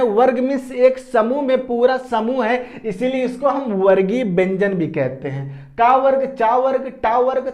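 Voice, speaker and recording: High-voiced man teaching grammar. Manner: asks questions and answers them himself; repeats key terms, drawing out syllables. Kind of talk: exam-prep lecture.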